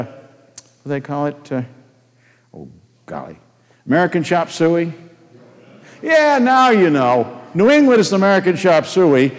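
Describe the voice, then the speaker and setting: An older man preaching a sermon, folksy and anecdotal, telling personal stories and asking the congregation questions. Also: a little high. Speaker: pastor. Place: church sanctuary. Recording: long hall reverb. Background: long hall reverb.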